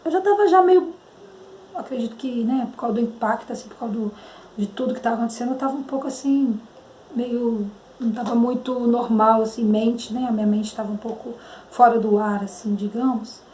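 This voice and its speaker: Speaking briskly in a warm, fairly high voice with a Brazilian Portuguese accent, a Brazilian woman tells her religious testimony, hesitant and reaching for words, sometimes singing hymn lines. It is recorded in an echoey room with faint noise.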